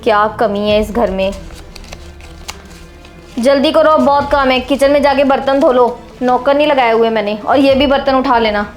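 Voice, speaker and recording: An actress playing a spoiled young wife who talks in a sharp, bossy, complaining way. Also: female voice, high voice, normal speed, soft background music, close to an everyday voice. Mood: scornful. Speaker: daughter-in-law. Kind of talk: short film acting.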